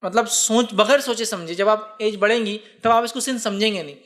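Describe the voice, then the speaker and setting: High-voiced man giving a religious talk. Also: brisk, a bit bright. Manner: explains with rhetorical questions and everyday examples; mixes in English words. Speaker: Islamic preacher answering questions.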